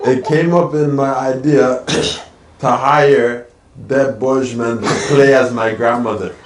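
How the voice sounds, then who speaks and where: A man with a mid-range voice talks at a slow, unhurried pace in casual podcast chat. The room is echoey and there is some noise behind him. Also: mid-range voice, fairly even intonation. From Middle Eastern background. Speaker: comedian and prank video maker.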